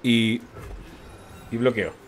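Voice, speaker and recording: A man with a Chilean accent giving casual gameplay commentary as a streamer, thinking aloud, counting out loud and chuckling often. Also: mid-range voice, fairly even intonation, drawn-out words, slight background noise.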